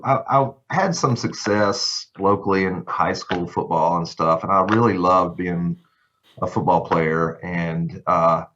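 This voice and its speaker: A middle-aged man with a Southern Tennessee accent talks through his past in an easygoing, folksy way. His voice sits very low. The sound is a bit dull and lo-fi. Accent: Southern American. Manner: folksy, warm storytelling with laughs. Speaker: guest lawyer. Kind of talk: casual podcast interview.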